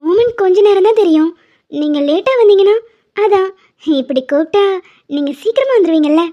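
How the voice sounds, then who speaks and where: A woman voicing a playful, teasing pregnant young wife in an animated cartoon. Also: extremely high pitch, brisk, muffled recording. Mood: affectionate. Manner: teasing, bossy, affectionate.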